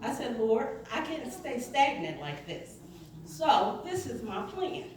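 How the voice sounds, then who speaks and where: A woman's voice: a little high, sing-song, slow pace, background noise. A middle-aged woman telling her personal testimony to a church, acting out the dialogue as she tells it. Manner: storytelling, quoting others in dialogue. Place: church sanctuary. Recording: echoey church hall from far off.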